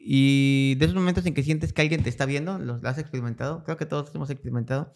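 A man's voice: mid-range voice, steady tone, fast, a little mellow. A young adult man with a Mexican Spanish accent, a guest speaking in a casual interview who tells his story and acts out the voices of people in it. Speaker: guest, cancer survivor.

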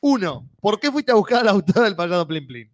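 Argentine man co-host, high voice, sarcastic banter with swearing. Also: sing-song, brisk. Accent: Argentine Spanish. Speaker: podcast co-host. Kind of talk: casual chat.

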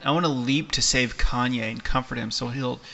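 A man's voice: medium pitch, fairly even intonation, fairly quick, vocal fry, lo-fi sound, a crowd in the background. A man playing a tabletop game, chatting casually with blunt questions and joking plans.

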